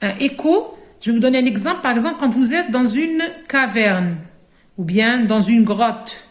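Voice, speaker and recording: A woman with an Algerian French accent teaching young children to read. She speaks slowly and stretches words so the class can repeat after her. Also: a little high, expressive. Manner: slow, deliberate, stretches words for repetition. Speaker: primary school teacher. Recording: echoey room.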